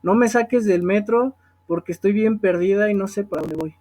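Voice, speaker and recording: A woman's voice: mid-range voice, a little fast, mellow, natural voice. A man voicing a frightened, lost homeless woman in her seventies as he retells a story, pleading and tearful. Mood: alarmed pleading.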